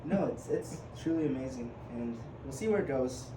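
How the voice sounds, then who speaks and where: A man's voice: mid-range voice, lively intonation, moderate pace. A twenty-one-year-old man from Uganda, a podcast guest talking casually, chatty and hesitant with lots of fillers and restarts. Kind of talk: casual conversation. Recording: echoey room with background noise.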